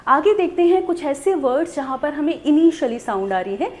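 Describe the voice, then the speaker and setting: A woman with a high, very lively voice teaches a shorthand lesson. She walks through each step and poses questions to the viewer, then answers them. Her speech is a steady classroom explanation. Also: fairly quick. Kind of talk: video lesson.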